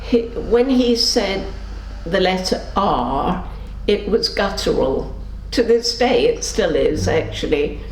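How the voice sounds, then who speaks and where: In a roomy recording with faint background noise, an older woman slowly and animatedly tells her memories during an oral history interview. She plays the people in her stories, acting out their quotes with shifts in pitch.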